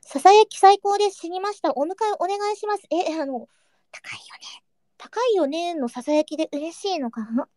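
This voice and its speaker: High-voiced playful young woman streamer. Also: brisk, hardly any pauses, warm tone, dry recording, clean studio sound. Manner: playful, chatty, drops into whispers for jokes. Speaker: streamer reading chat. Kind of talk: casual livestream chat.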